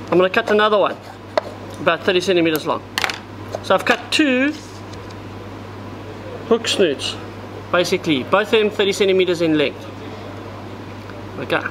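A man walks through tying a knot step by step, explaining each move as his hands work. His voice sits fairly high for a man. He is recorded indoors in a tackle shop, with a clear air-conditioning hum behind him. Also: animated, moderate pace, pauses often. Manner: step-by-step, talks while working with his hands. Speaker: fishing tackle instructor. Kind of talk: hands-on tutorial demonstration.

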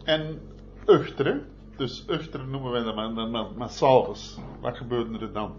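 A man's voice: mid-range voice, normal speed, faint music behind. Man asking short probing questions. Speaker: interviewer. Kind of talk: oral history interview. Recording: muffled with faint noise.

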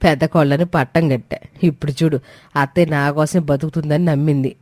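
A woman's voice: low-pitched, steady tone, brisk, mellow, no echo, lightly acted. A woman voicing a scheming, domineering middle-aged mother-in-law who talks in a scornful, commanding way. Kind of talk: Telugu audio drama acting.

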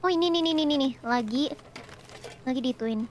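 A young woman chatting casually while playing a game with friends, excitable and mixing in English words. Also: high-pitched, fast. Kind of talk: casual gaming chat. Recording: loud background noise.

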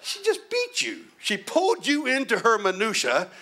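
A man's voice: very high-pitched, wildly swooping pitch, moderate pace, sharp tone. A male pastor preaching a humorous, storytelling sermon.

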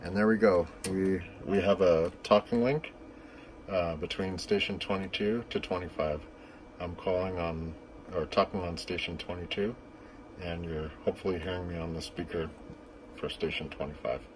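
A man demonstrates vintage telephone equipment indoors beside an equipment cabinet, explaining things in an informal, unscripted, matter-of-fact way. His voice sits low with fairly even intonation and a moderate pace, and the rough camera-mic recording has a little hiss or hum.

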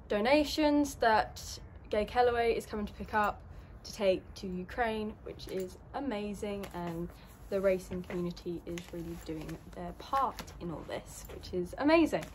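Chatty and upbeat, a young woman rambles through a casual equestrian vlog recorded on a phone held at arm's length. Her mid-range voice has lively intonation and a measured pace, and slight background noise accompanies her at the stable yard, outdoors and in a horse lorry.

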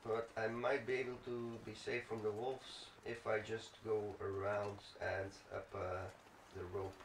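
A let's play gamer thinks aloud while he plays, giving casual, rambling commentary. His voice is on the low side, level in tone and measured in pace, picked up by a distant mic in a roomy space with faint noise.

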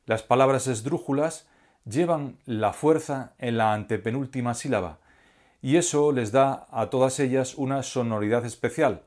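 A man giving a scripted grammar lesson as a teacher, speaking slowly and deliberately and spelling out syllables one by one. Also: mid-range voice, darkish tone. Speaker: language teacher.

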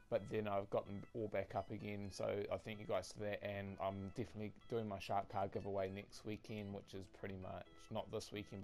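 A man's voice: fairly low pitch, creaky, darkish tone. A man hosting his gaming channel, rambling through a casual update with many fillers, restarts and repeats.

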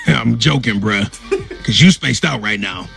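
A man's voice: fairly low pitch, animated, a little slow, gravelly, fairly bright tone, faint music behind, exaggerated voice. A man voicing a cocky male college bear in a cartoon, a joking frat buddy with brash, slangy talk.

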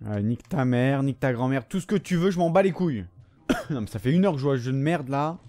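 A man giving live commentary over his gameplay, ranting and swearing in frustration, then talking himself back into calm. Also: mid-range voice, fast, dry recording. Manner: profane, frustrated ranting that swings between outbursts and calming himself. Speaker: gamer recording his gameplay.

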